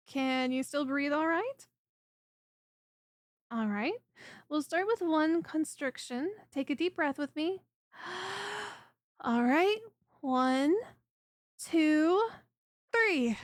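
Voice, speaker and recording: In an ASMR audio roleplay, a woman performs as a snake-bodied monster girl working as a chiropractor, her high, very dry voice close to the listener with no room sound. She speaks softly and attentively, clingy and coaxing with a teasing streak, in an exaggerated voice. The mood is soothing and attentive.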